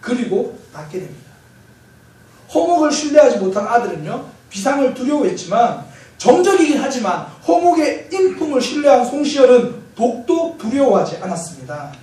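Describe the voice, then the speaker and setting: A man preaching a Sunday sermon as pastor, telling stories in a lively way with light humor. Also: extremely high pitch, moderate pace. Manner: lively storytelling with self-corrections and light humor. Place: church sanctuary. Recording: very echoey church hall, mic far off, faint hiss.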